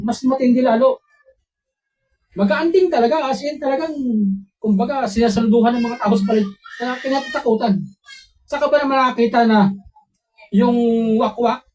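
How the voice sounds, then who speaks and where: A man preaching a sermon as a pastor, telling personal stories in an animated way and putting questions to his listeners. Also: very high voice, low-quality recording. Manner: animated storytelling, voices quotes, asks listeners questions.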